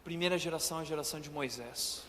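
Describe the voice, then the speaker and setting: A man's voice: fairly high pitch, quick pace, a bit bright, pitched below the performer's own voice, lightly acted. A man impersonating a pompous conference preacher who declaims with rising grandeur, in a reverberant church hall. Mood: grandiose. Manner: declamatory, building to a climax.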